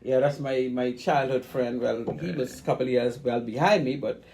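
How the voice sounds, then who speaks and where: A man's voice: mid-range voice, moderate pace, vocal fry, a little mellow, slight background noise. A man in his sixties with a Bahamian accent, hosting a call-in radio show in an emphatic, casual way, often repeating words as he gathers his thoughts. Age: 60s. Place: radio studio.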